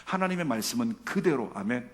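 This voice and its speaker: Korean pastor preaching in a reverberant hall. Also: male voice, mid-range voice, lively intonation. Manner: emphatic preaching with sudden loud peaks and soft drops; reads scripture slowly and forcefully. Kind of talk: sermon. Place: church sanctuary. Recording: long reverb of a church hall.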